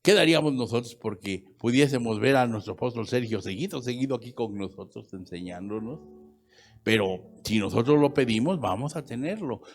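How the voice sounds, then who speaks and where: A man's voice: medium pitch, expressive, brisk, soft background music. A man preaching a sermon as pastor, talking conversationally and letting his voice rise and drop sharply.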